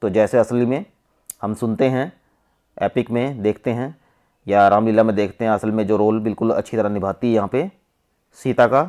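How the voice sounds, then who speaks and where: A man's voice: lowish voice, steady tone, a little mellow. Indian man explaining a textbook lesson. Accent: Indian English. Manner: reads English lines slowly, then explains them in Hindi. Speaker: teacher. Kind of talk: explaining an English textbook chapter in Hindi.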